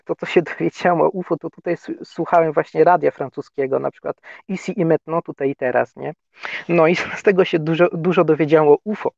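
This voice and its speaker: A man from Poland with a high, gravelly voice talks casually as a guest, stumbling and repeating words now and then. The sound is dull and muffled, with no room echo at all. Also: a little mellow. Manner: hesitant, repeats words, chuckles often. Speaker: interview guest. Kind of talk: casual conversation.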